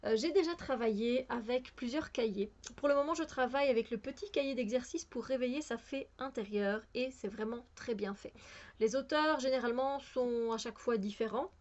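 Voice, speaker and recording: A woman's voice: a little high, moderate pace, dull audio. A woman with a Belgian French accent chatting casually about her new books, hesitant with many fillers and restarts. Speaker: book vlogger. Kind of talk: casual book haul chat.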